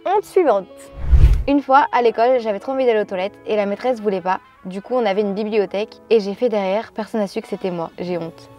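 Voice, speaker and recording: A woman vlogger chatting casually, reading out viewers' stories and reacting to each one in an animated way. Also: mid-range voice, fast talker, hardly any pauses, lo-fi sound, soft background music.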